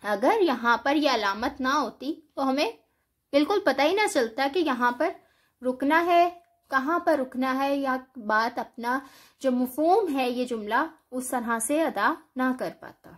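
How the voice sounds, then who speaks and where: Female teacher, high voice, measured scripted lecture delivery. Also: expressive. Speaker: Urdu teacher.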